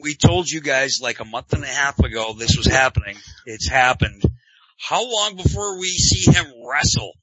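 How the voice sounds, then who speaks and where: A sarcastic Canadian man hosts a podcast, joking his way through a casual chat. His mid-range voice is animated, pushed and bright at a normal speed, and the sound is dull, dry and lo-fi.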